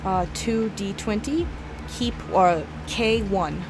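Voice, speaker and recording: A woman running a tabletop game as game master, relaxed and full of fillers. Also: medium pitch, slow, background noise.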